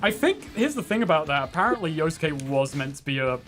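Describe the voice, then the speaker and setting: A man's voice: on the high side, sing-song, fast, fairly bright tone, soft background music. A man streaming a video game, chatting casually, laughing often and swearing in playful exasperation.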